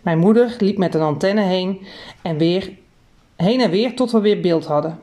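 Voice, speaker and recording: A woman reads a children's story aloud with lively, expressive delivery. Her voice is mellow and warm, set at a middle pitch. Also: normal speed. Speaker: narrator. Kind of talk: scripted storybook narration.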